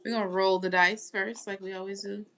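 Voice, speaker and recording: A woman's voice: mid-range voice, flat delivery, fairly quick, vocal fry, a bit bright. A woman from the United States hosting a tarot live stream, chatting casually and greeting viewers as she reads their comments. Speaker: tarot reader.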